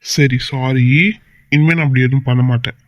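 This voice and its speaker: A woman's voice: a bass voice, steady tone, normal speed, dry recording. A woman voicing a coaxing young husband. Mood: coaxing, reassuring. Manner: coaxing and gently teasing. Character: soothing young husband, affectionate and teasing. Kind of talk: amateur cartoon voice acting.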